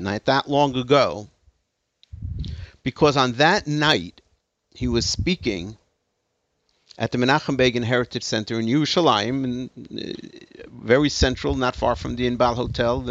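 A man's voice: medium pitch, no room sound. Emphatic storytelling man, dry muffled sound. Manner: storytelling, emphatic, with hesitant restarts. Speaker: speaker giving a talk. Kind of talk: spoken lecture to an audience.

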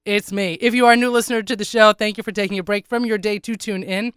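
An American woman hosting a chatty radio show in a wry, self-deprecating way, with a hoarse, congested, froggy voice that sounds swallowed. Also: mid-range voice, fairly even intonation, quick pace, fairly bright tone, dry recording, studio quality. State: congested, under the weather. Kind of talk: casual chatty radio monologue.

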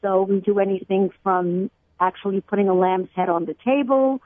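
A middle-aged woman from Brooklyn, a cookbook author explaining food customs at length with many pauses and fillers, calling in to a radio interview. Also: mid-range voice, no room sound. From Brooklyn, USA. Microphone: telephone. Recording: tinny phone line, dry.

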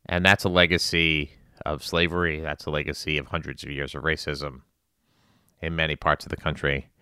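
Male, very low and clear voice, earnest commentary delivered in halting, emphatic phrases. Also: little pitch movement, pushed and bright, dry recording, clean studio sound. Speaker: spin class instructor. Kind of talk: earnest monologue on current events.

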